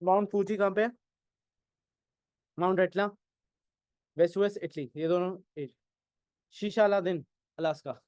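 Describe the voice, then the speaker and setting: A man with an Indian English accent teaching an exam-prep class, mixing Hindi and English and often asking whether it is clear. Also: high-pitched, steady tone, measured pace, long pauses, a little mellow, no room sound. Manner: keeps asking "is it clear?", questions and answers his own prompts.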